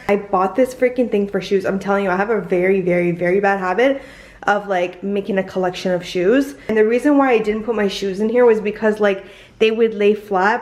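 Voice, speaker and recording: A woman's voice: mid-range voice, darkish tone. Young woman, twenties, casual home vlog, groggy morning voice, lots of fillers. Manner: chatty, filler-heavy with many "like"s. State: morning voice, just woke up. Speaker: vlogger. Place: her apartment, indoors.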